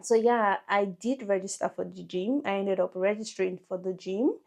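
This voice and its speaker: A young woman, chatting casually to camera as a lifestyle vlogger, full of quick self-amused asides. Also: medium pitch, vocal fry, a little mellow. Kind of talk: casual vlog chat to camera.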